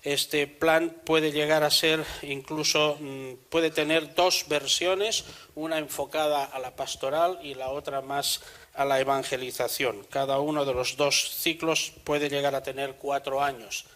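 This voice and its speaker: A man preaching a sermon in church, measured and earnest, also reading scripture aloud. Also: a little high, steady tone, fairly bright tone, rough recording.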